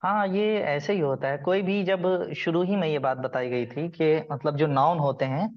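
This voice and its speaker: A man's voice: fairly high pitch, moderate pace, highs cut off. A man teaching an online grammar class, patiently explaining rules and calling on students by name.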